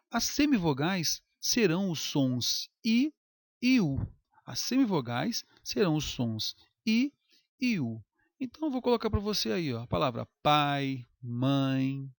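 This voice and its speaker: A man, teaching a recorded grammar lesson over slides, drawing out example words slowly and checking in with the listener. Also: medium pitch, creaky, no room sound, studio quality.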